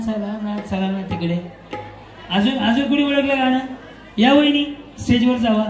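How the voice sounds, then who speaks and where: High-pitched man emceeing a festival quiz. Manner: loud, teasing, scolds the crowd. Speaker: quiz host at a women's festival event. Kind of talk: live event emceeing over a PA. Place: festival event with a crowd. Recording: echoey PA with music and crowd.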